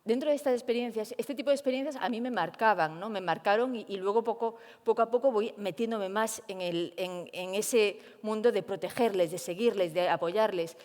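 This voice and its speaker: A woman's voice: mid-range voice, a little fast, hardly any pauses, a little mellow, long reverb tail. A young woman tells her own story in an interview, acting out her inner thoughts as she goes. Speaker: primatologist guest.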